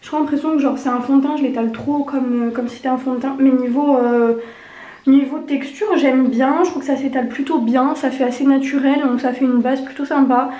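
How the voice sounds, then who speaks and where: A young woman talks in a high-pitched voice with a honking, congested edge from a lingering cold. She rambles informally as a beauty vlogger reviewing makeup. The room around her sounds noticeably echoey. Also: fairly even intonation, fairly quick, dark tone. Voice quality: slightly honking, congested duck-like voice. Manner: chatty, rambling, informal slang. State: getting over a cold. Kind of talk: casual chatty makeup review.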